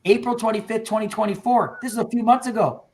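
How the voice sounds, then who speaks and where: An insurance agency owner runs a casual, high-energy training session for his agents over video, all fired up and tossing around "dude" and "bro." His voice is high and he talks fast.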